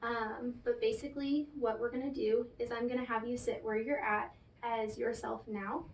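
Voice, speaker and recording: A woman speaking as a therapist, calmly and gently guiding a client through a counseling session. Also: on the high side, moderate pace. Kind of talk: conversational therapy session role play. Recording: roomy echo, distant mic, faint noise.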